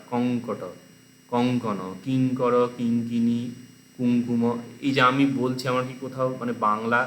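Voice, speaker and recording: A man's voice: mid-range voice, a bit bright. Man drilling pronunciation in an echoey room. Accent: Bengali. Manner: slow, careful word-by-word pronunciation drills. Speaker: teacher. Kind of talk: exam-prep lesson, reading word lists aloud. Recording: echoey room, faint background noise.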